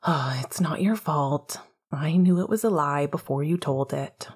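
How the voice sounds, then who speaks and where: A woman voicing a weary, lovesick young man in a storybook reading, with a quiet, husky, rueful manner. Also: sits low, measured pace, pitched below the performer's own voice.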